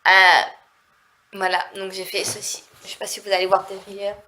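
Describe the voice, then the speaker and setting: A woman's voice: medium pitch, flat delivery, normal speed, pushed and bright, slight background noise. A woman from southern France with a nasal voice, chatting casually and rambling in a vlog. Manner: chatty, rambling, heavy on fillers. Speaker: vlogger.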